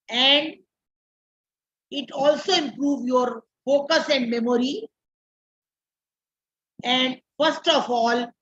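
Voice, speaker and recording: Slow, high-voiced Indian woman lecturing. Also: a bit bright, highs cut off. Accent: Indian English. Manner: slow, repeats terms, switches to Hindi. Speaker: teacher educator. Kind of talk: classroom lecture. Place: classroom.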